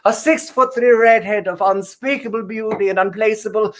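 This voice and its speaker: A woman's voice: medium pitch, fairly even intonation, normal speed, close to an everyday voice. A woman playing a grand, campy drag-queen-style Eastern European countess and cabaret diva, with a vaguely Eastern European accent and effusive, stammering, theatrical delivery. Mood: gushing, playful. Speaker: cabaret performer and host. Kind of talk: livestreamed cabaret chat with piano songs. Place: at home in an apartment. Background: piano music.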